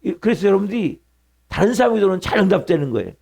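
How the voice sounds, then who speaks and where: A middle-aged male pastor delivers an early-morning sermon in a church sanctuary. His voice sits slightly high for a man and carries a gravelly edge. He drives home points by repeating words and asking the congregation questions. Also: sing-song, racing, darkish tone. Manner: preaching with emphatic repetition and questions to the congregation.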